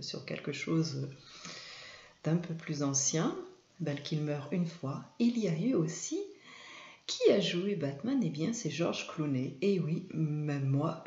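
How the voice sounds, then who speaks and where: A woman hosting her own video, explaining at an unhurried pace and pausing often on filler sounds. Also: on the low side, darkish tone, reverberant, lo-fi sound. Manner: hesitant, many filler sounds. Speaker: video host and image consultant. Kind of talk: informal talk to camera.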